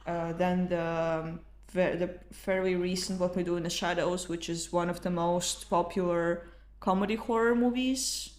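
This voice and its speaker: A woman's voice: lowish voice, steady tone, normal speed, darkish tone. A woman co-hosting a casual, informal film discussion, swearing now and then. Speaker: podcast co-host. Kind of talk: casual chat about films. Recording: roomy echo.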